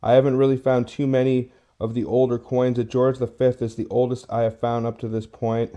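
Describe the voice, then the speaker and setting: A man's voice: mid-range voice, little pitch movement, fairly quick, mellow, muffled recording. A man giving casual hobby vlog commentary to his viewers, full of awed exclamations. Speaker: host of a coin roll hunting video.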